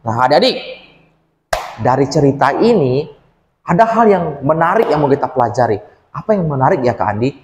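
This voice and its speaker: A man telling a story to children at church in an animated, gently reassuring manner. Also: fairly high pitch, fast talker, slight background noise. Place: church hall. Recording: echoey hall.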